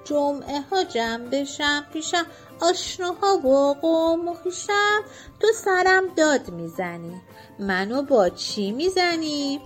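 A woman's voice: sits high, lively intonation, soft background music. A woman voicing a vain young female cockroach in a children's story, speaking in a haughty singsong way. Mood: indignant.

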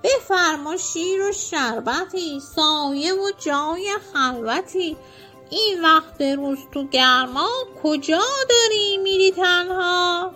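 A gentle, well-mannered young mouse from a children's storybook, voiced by a woman. His voice is high and sweet, unhurried and courteous, over soft music. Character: gentle polite young male mouse suitor.

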